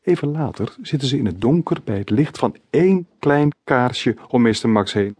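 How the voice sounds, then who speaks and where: Male author reading his kids' book aloud; husky voice, dry close recording. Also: medium pitch, animated, normal speed, a little mellow, no echo. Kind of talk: scripted children's audiobook narration.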